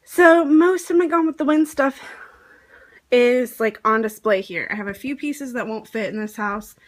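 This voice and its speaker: A woman's voice: a little high, normal speed. Chatty young woman with a rambling vlog voice. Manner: chatty, rambling, many fillers. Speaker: vlogger. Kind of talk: casual home tour vlog. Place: in her home.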